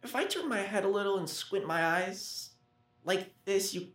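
In an audio drama, a woman voices a timid yet eager twelve-year-old boy, hesitating and stammering often, sounding nervous and unsure. Her medium-pitched, fairly bright voice is expressive and lightly acted, delivered at normal speed. The recording is roomy and echoing.

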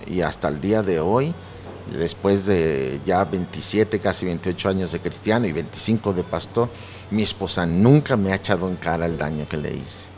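Here a middle-aged pastor quotes scripture while earnestly recounting his personal testimony in a preacherly manner. His low voice is a little mellow, his speed normal, and there's some slight hiss or hum.

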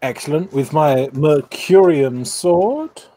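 A man's voice: a little high, expressive, takes it slowly, mellow. A man playing a tabletop roleplaying game, chatting casually as he describes his moves. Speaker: player.

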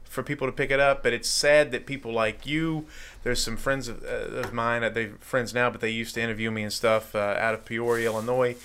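A man's voice: medium pitch, fairly even intonation, brisk, few pauses, fairly bright tone, clear, resonant tone. A man chatting casually as an interview guest, effusive and rambling as he goes. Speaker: podcast guest, showman and wrestler.

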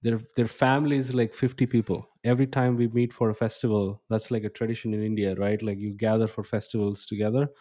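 A man's voice: fairly low pitch, flat delivery, fast talker, few pauses, dark tone. A man in his thirties hosting a podcast, talking in a reflective, rambling way with restarts. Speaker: podcast host. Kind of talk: casual interview chat.

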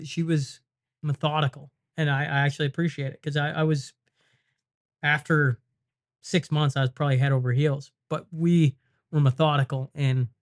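A man's voice: a little high, no room sound, studio quality. A man from Canada, a guest in a podcast interview, speaking reflectively with hesitant fillers. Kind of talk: casual interview chat. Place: studio.

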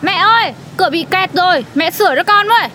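A woman voicing a whiny, chatty young school kid in a cartoon, with a squeaky childlike voice and a pleading, cheeky way of talking. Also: animated, fairly quick, bright, forceful tone, slight background noise, exaggerated voice. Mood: coaxing. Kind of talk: cartoon voice acting.

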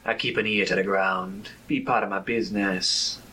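A man's voice: fairly low pitch, level tone, moderate pace, sharp tone, breathy edge, rough recording. A man voicing a proud, sly male troll chieftain in a tabletop fantasy game, speaking a patois-like dialect with dropped verb forms. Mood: guarded.

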